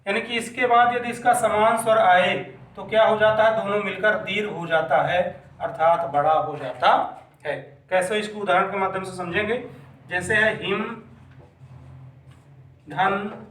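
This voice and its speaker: A man's voice: sits high, fairly even intonation, measured pace, a bit bright. A man teaching a grammar lesson patiently, asking questions and answering them himself. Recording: echoey room, mic at a distance.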